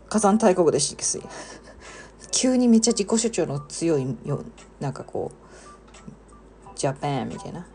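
A woman's voice: low-pitched, a little mellow. A young woman hosting a casual live stream, chatting with viewers and reading their comments aloud. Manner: chatty, reads viewer comments aloud, exclaims and laughs often.

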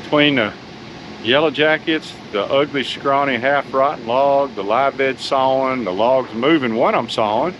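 A man's voice: mid-range voice, measured pace, lo-fi sound, slight background noise. An older man with a Southern US accent, a sawmill owner narrating his work video in a wry, grumbling, folksy way.

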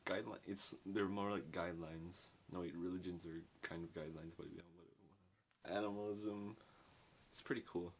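A man's voice: low voice, steady tone, a little fast. A young man giving a casual spoken book review, rambling in slang with lots of filler words, filmed in a small dim bedroom.

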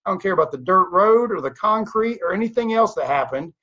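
A high, brisk male voice belongs to a thirty-nine-year-old network marketing leader speaking to a desk webcam in his home office. His motivational talk is emphatic and packed with rhetorical questions, delivered with animated hand gestures. The webcam audio is dull and lo-fi.

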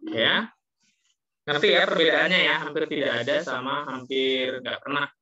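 A man's voice: fairly high pitch, steady tone, normal speed, sharp tone. A man teaching an English class online, explaining patiently and mixing in English phrases, his voice carrying a heavy echo. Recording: muffled, echoey online class audio.

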